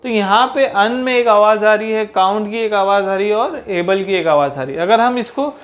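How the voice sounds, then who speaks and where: A woman teaching grammar. She keeps asking rhetorical questions and answering them, and slows down for definitions. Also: mid-range voice. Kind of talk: grammar lesson.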